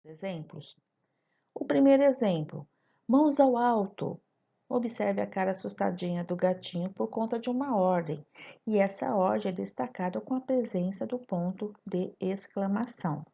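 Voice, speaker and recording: Her voice sits mid-range, warm and creaky, moving at a normal speed as this Brazilian Portuguese-accented teacher narrates a recorded lesson. She teaches by addressing students directly with questions, over a dull, lo-fi voice-over recording.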